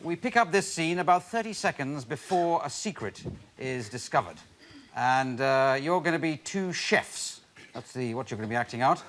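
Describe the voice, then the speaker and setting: A man's voice: fairly high pitch, lively intonation, moderate pace, a bit bright. A man hosting a comedy game show, unscripted, hesitating and repeating phrases as he presents. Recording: live studio with crowd and noise.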